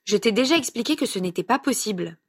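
A woman's voice: medium pitch, fairly quick, a bit bright, lightly acted. Stern dignified grandma, firm scolding tone, as a woman reads her.

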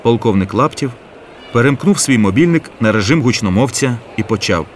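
A man narrating an audiobook in an expressive, lively reading. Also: mid-range voice, fairly quick, a little hiss or hum. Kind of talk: scripted narration.

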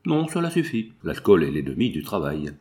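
A man's voice: low voice, wildly swooping pitch, brisk, warm tone, voice pushed down, heavily acted. A man voicing a drugged, crazed male murderer who boasts feverishly of his crimes. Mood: curt. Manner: feverish, boastful, laughing strangely.

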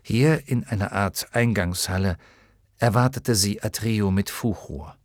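Dry, expressive male audiobook narrator. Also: lowish voice, unhurried, no room sound. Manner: expressive storytelling. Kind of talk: scripted narration.

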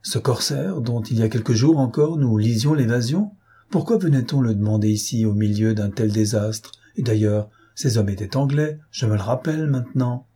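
A man's voice: mid-range voice, moderate pace, warm tone, husky, natural voice. A man reading an audiobook aloud, voicing an anxious young man who asks urgent questions in a raised voice. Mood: agitated.

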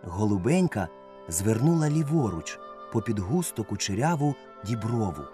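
A man narrating a children's story as an audiobook, reading in a lively, expressive way. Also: lowish voice, moderate pace, over music.

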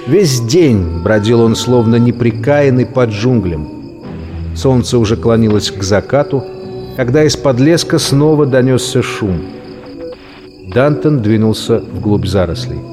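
A man reads a story in a measured, expressive voice of middle pitch. Long reverb trails his words. Soft music and crickets play under the narration. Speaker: audiobook narrator. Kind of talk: scripted narration.

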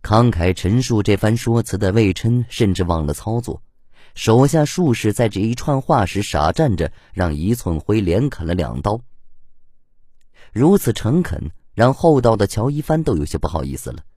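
A man narrating an audiobook in an expressive storytelling manner on a close mic. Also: fairly low pitch, moderate pace, dry recording. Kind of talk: scripted narration.

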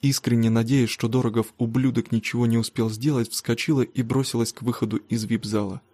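Male audiobook reader, steady delivery, mellow tone, dry booth. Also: mid-range voice, brisk, breathy edge, dry recording. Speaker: audiobook narrator. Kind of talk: first-person audiobook narration.

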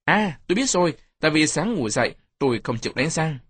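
A man's voice: medium pitch, moderate pace, fairly bright tone, dry recording, natural voice. A man voicing a strong, jovial grown man who teases a child in a storybook reading. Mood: teasing. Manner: teasing, playful.

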